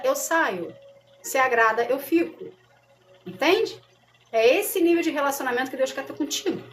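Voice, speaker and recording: High-voiced Brazilian woman teaching the Bible. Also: a bit bright. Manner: conversational, often checks understanding with the audience. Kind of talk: casual livestream Bible study.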